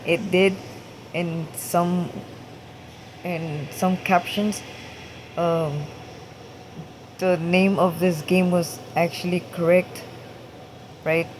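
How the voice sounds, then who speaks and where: A woman vlogger talking casually and hesitantly, with many pauses, fillers and restarts. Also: fairly low pitch, steady tone, a little mellow. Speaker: gaming vlogger. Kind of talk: casual talk to camera. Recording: noisy room with air conditioning hum.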